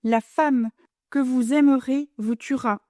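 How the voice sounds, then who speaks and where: Woman reader doing a young girl, audiobook, raised pitch, playful teasing manner, superstitious, earnest. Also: fairly even intonation, slow, darkish tone, no echo, clean studio sound. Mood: fearful. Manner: teasing then earnestly fearful. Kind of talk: audiobook character voice.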